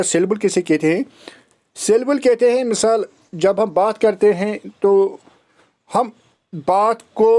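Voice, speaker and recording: A man gives a recorded English grammar lecture. His voice sits high and he reads the rules at a slow, measured pace. He backs each rule with plain examples. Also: darkish tone. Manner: slow dictation-like reading of English rules, then fast explanation in Hindi; explains with examples.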